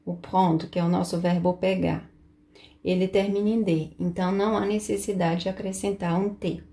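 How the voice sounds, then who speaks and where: A woman teaching French in a slow, patient lesson, going over each point carefully and saying it again. Portuguese is her first language. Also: on the low side, fairly even intonation, mellow.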